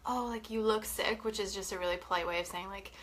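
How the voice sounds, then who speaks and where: A young Canadian woman, a wellness vlogger, talks fast and casually to camera in a steady, mid-range voice. She has a head cold and sounds sniffly, chatting away with swearing and plenty of "like" and "you know."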